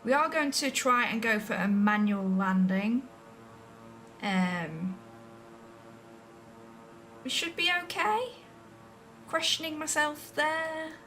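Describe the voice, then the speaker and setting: A woman from England with a slightly high, expressive, sharp-toned voice talks slowly, with long pauses, while streaming a flight simulator. She thinks out loud and questions herself, her voice somewhat distant from the mic over faint music.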